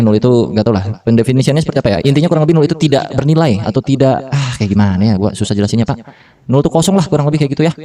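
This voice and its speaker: A man's voice: mid-range voice, mellow, distant mic. A man in his thirties giving a casual, slangy coding tutorial, often correcting himself mid-sentence. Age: 30s. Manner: slangy Jakarta-style casual talk with fillers and self-corrections. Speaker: programming tutor.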